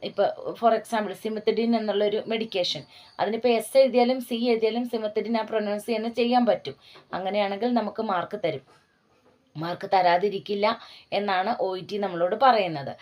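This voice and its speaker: A female tutor from Kerala, giving an exam-prep lesson. She talks in encouraging teacherly asides and reads spellings out slowly, letter by letter. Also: medium pitch, fairly even intonation, darkish tone. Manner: slow dictation of spellings letter by letter. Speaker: OET tutor.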